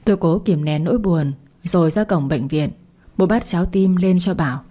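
Brief: woman storyteller, low and warm, steady first-person narration. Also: normal speed.

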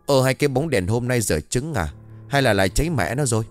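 A man's voice: medium pitch, lively intonation, a little fast, faint music behind, close to an everyday voice. A man doing a snarling brutal old man. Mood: cursing. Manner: snarling, barking curses. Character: brutal foul-mouthed older man, violent and coarse.

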